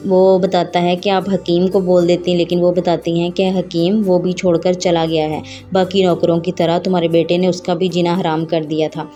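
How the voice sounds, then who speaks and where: A woman retelling the plot of a drama episode in an unhurried recap, with some hesitations. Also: on the low side, warm tone. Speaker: drama reviewer.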